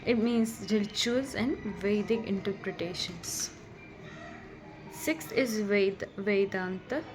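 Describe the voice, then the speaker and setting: A woman in a casual vlog, explaining scriptures with chatty, excitable asides and frequent restarts. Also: mid-range voice, slow pace, over music.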